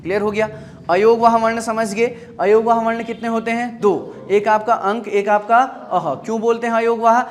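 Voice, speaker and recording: A man's voice: very high voice, fairly even intonation, moderate pace. A man teaching a grammar lesson. He asks the class short repeated questions and answers them himself.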